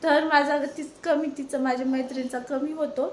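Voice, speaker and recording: A middle-aged woman chats informally for a home cooking vlog, hoarse from a sore throat, her voice giving out. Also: sits high, steady tone, moderate pace, slight background noise. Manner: chatty, repetitive, informal. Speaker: homemaker video blogger. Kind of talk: casual cooking vlog chat. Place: home kitchen.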